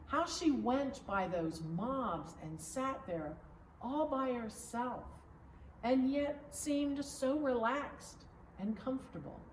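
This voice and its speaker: A female pastor with a higher voice reads a children's story aloud in a measured, expressive way. The recording is echoey and roomy, with a distant mic and slight background noise.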